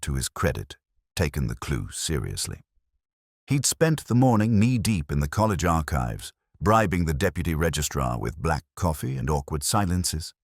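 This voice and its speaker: A man narrates his own detective story in a remarkably deep register, brooding and measured, letting each literary phrase swing up and down with lively intonation. His husky-toned voice is miked close, and the recording is completely dry.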